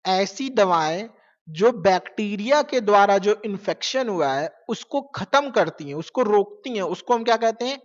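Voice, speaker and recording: A male science teacher giving a casual class lecture, asking questions and answering them himself, repeating key words and mixing in English terms. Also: high-pitched. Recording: lo-fi with long reverb.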